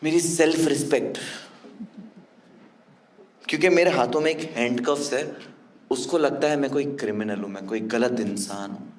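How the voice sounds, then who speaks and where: A male stand-up comedian telling a story on stage, animated, swinging from loud punchlines to quiet, somber stretches. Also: mid-range voice, fairly quick, slight background noise. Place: comedy stage before a laughing audience. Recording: echoey live venue with faint ambience.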